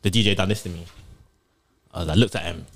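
A man's voice: low-pitched, quick pace. A young man with a London accent chatting on a podcast in laddish, slang-heavy banter. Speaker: guest podcaster. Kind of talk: casual podcast chat.

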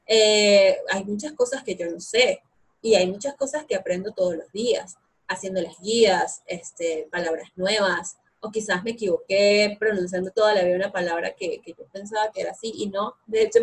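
A woman's voice: mid-range voice, a little fast, husky. A young woman, chatting casually as an interview guest about learning English, with lots of fillers. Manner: chatty, animated, many fillers. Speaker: guest, English course co-founder.

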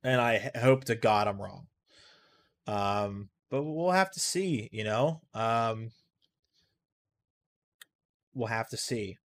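A man's voice: fairly low pitch, slow pace, long pauses. A man hosting a casual solo podcast in a rambling, offhand way, now and then swearing and reacting aloud to a video game he plays while he talks. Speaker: podcast host.

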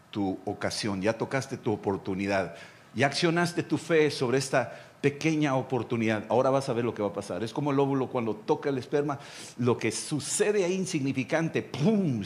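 A pastor preaching a sermon, speaking directly to the listener and acting out the voices of Bible figures. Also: male voice, mid-range voice, lively intonation, moderate pace.

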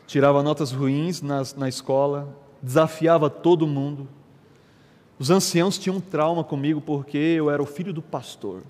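A man preaching a sermon as a pastor, telling stories in a lively, conversational way. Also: on the high side, normal speed, long reverb tail. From Brazil. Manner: animated, conversational preaching with storytelling.

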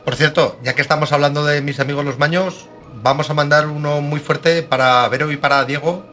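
A man's voice: on the high side, steady tone, a little fast, a bit bright, faint music behind. A man, co-hosting a podcast in casual, comedic chat, teasing and joking. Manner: joking, teasing, fond of putting on voices. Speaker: podcast co-host.

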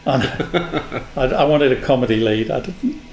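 A man in his sixties from England, a guest in an interview, telling unhurried stories about his past. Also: medium pitch, expressive, vocal fry. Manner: unhurried, anecdotal storyteller. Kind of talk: reminiscing in a casual interview. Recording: echoey room with faint noise.

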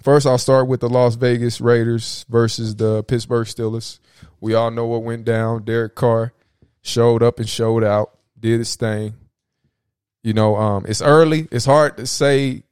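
A man's voice: mid-range voice, little pitch movement, measured pace, darkish tone, clear, resonant tone, dry recording, clean studio sound. A young man co-hosting a sports podcast, casual and joking. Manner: laid-back, joking, slangy. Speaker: podcast co-host.

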